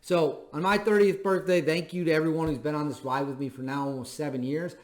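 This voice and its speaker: A man's voice: on the high side, steady tone, brisk. A thirty-year-old man hosting a show, speaking an emphatic, plainspoken commentary monologue and repeating phrases for stress. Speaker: show host. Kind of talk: opinion commentary monologue to camera.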